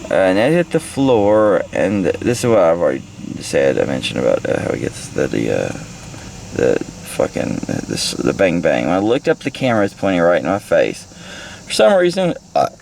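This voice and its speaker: Sitting in a parked car with a handheld phone or camera at arm's length, an American man in his thirties gives a rambling, casual book report, reading bits aloud and swearing heavily. His low voice is very animated, creaky, and darkish at a moderate pace, and he's crude, irreverent, and scattered, with faint background noise.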